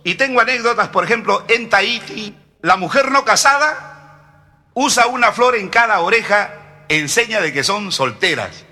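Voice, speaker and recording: A man with a Peruvian Spanish accent telling jokes on a comedy record in a punchy, lively way. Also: sits high, normal speed, big-room sound.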